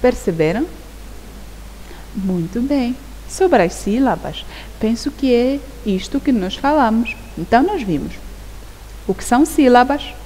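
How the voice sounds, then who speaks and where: A female primary school teacher explains grammar slowly and deliberately, her pitch swinging widely and lively. She repeats key words and keeps asking "Perceberam?" to check the class follows. The recording has a long reverb tail and a faint, steady hiss.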